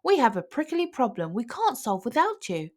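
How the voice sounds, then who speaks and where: A woman's voice: on the high side, very animated, normal speed, pitched above the performer's own voice. A woman voicing a dramatic, eager male rattlesnake in a children's storybook. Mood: pleading.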